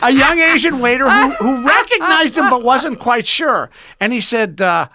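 A man chatting casually as a guest, telling anecdotes in an animated storyteller's way. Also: very high voice, normal speed, heavy background noise.

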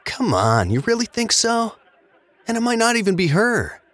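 An actor playing a laid-back stoner roommate who talks in an unbothered, drawling slacker way. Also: male voice, sits high, wildly swooping pitch, moderate pace, fairly bright tone, no room sound, some chatter behind, exaggerated voice. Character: laid-back stoner male roommate, easygoing and munchie-minded. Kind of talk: audio drama acting.

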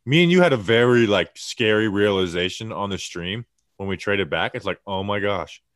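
Low-voiced man excitedly breaking down football. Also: moderate pace, no echo, clean studio sound. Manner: excited, rambling with many fillers. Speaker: podcast co-host. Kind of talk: casual sports analysis chat.

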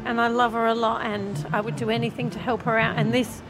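A woman's voice: on the high side, level tone, a little fast. A middle-aged woman with an Australian accent chatting live on air in a flustered, rambling, down-to-earth way. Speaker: radio competition winner. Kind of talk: casual live on-air chat. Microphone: handheld microphone. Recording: clearly noisy background ambience.

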